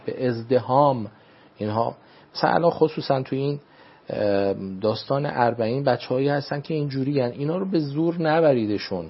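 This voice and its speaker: A man speaking as a religious adviser on a talk show, in a formal, measured way, often repeating set phrases. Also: mid-range voice, breathy edge, highs cut off. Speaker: religious speaker giving advice. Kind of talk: radio talk show guest.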